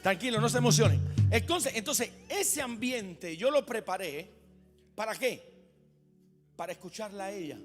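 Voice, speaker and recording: Male pastor with a high voice, lively sermon with call-and-response, faint instrumental music behind. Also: big-room sound. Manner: animated, questions the congregation often. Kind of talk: sermon with humorous personal stories. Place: church sanctuary.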